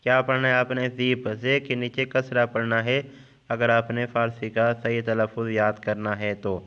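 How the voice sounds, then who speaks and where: Pakistani Urdu teacher drilling words twice. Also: male voice, mid-range voice, monotone, fairly bright tone, clean tone, dull audio. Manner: repeats each word twice, slow and drilling. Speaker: language teacher. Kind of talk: vocabulary lesson.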